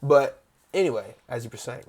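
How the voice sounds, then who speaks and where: A man's voice: mid-range voice, expressive, normal speed, a little mellow, slightly rough. A man in casual conversation, explaining at length with many hesitant fillers. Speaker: guest.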